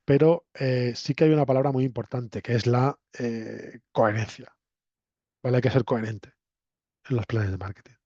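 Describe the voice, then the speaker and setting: Here a Castilian-accented lecturer from La Mancha, Spain speaks to his university students at normal speed, his warm, medium-pitched voice fairly even in intonation. His teaching is conversational and didactic, with frequent short check-in tag questions, recorded with a dull lo-fi sound and roomy echo.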